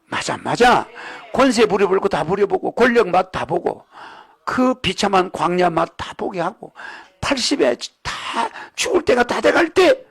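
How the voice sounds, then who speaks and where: A man's voice: high-pitched, very animated, unhurried, gravelly, a bit bright, husky. A man giving a rambling sermon-style religious lecture, often checking in with the audience with "you know what I mean?". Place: lecture hall.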